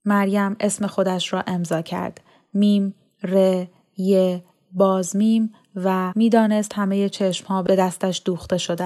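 Female audiobook reader, middle pitch, calm measured narration. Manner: calm, even, measured storytelling. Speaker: story reader.

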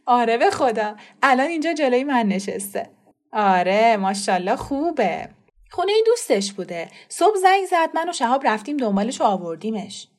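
A woman reading aloud who voices a calm, quick-thinking mother, reassuring and brisk. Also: on the high side. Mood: cheerful.

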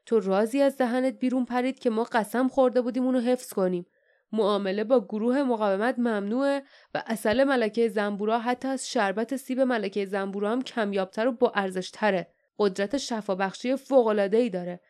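A woman's voice: fairly high pitch, a little mellow, close to an everyday voice. A woman voicing a stern rebel leader man in an audiobook, hard and commanding.

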